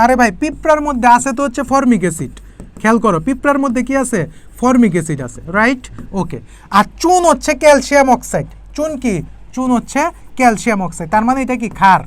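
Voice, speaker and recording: A woman from Bangladesh, teaching an online chemistry lesson for exam prep. She explains step by step and keeps asking her students questions. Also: on the high side.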